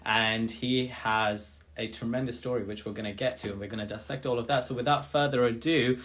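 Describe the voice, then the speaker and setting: Still getting over a cold, this male host has a slightly nasal voice of medium pitch, fairly even intonation, and a bit of brightness, speaking fairly quickly. His show introduction and interview are chatty, informal, and effusive.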